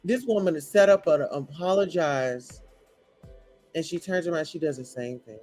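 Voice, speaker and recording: High-voiced man ranting blunt commentary. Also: moderate pace, darkish tone, faint music behind. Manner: blunt, profane, preachy. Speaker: show commentator. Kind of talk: reaction commentary rant.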